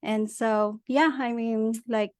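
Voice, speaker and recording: A middle-aged woman from the Philippines speaks earnestly as an interview guest, filling her sentences with little pauses and fillers. Her voice sits a little high. The sound is dry and close, with no room around it. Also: steady tone, a little mellow, clean tone, no echo. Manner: earnest, agreeable, many fillers. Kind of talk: personal life story in an interview.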